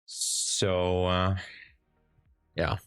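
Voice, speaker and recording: A young man with a Hungarian accent chats with viewers during a live trading stream. His voice sits low, and he takes his time between words. The sound is dry and close, with soft music behind him. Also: completely flat delivery, extremely slow, clean tone, no room sound. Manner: chatty, laughing, frequent restarts while reading chat. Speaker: live-stream day trader. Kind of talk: casual live-stream chat answering viewers. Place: home trading room. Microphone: headset.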